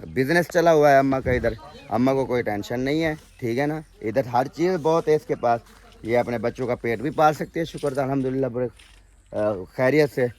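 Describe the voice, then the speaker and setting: A man's voice: medium pitch, normal speed, darkish tone. A young man from Pakistan speaking with a tinge, vlogging casually to camera in an earnest, pleading way. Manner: earnest, pleading, repeats "okay?" tags. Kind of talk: casual vlog talk to camera.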